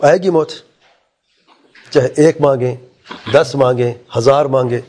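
Male religious teacher with a husky voice giving a Quran exegesis lesson; lifts into chanted recitation, then explains plainly. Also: medium pitch, steady tone, darkish tone. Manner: asks the listeners rhetorical questions.

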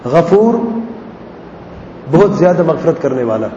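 A man's voice: animated, mellow. A man teaching Arabic grammar in a classroom lesson. He repeats word patterns patiently and asks questions that he then answers himself. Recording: echoey hall, dull lo-fi sound, faint rumble.

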